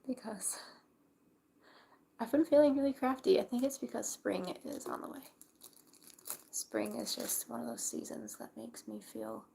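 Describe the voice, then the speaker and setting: A young woman talks in a hushed library whisper, as if others are asleep nearby. Her casual livestream chat is breathy, with a good deal of creak at an average pitch. Faint noise sits behind her. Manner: hushed library whisper, keeping quiet for sleepers. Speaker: craft livestreamer. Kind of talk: casual live crafting chat. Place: at home late at night, crafting.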